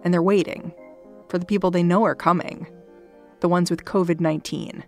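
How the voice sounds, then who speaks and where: A woman's voice: lowish voice, fairly even intonation, moderate pace, darkish tone, faint music behind. A woman hosting a podcast in a conversational but scripted way, recorded close in a small closet at home. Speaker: podcast host.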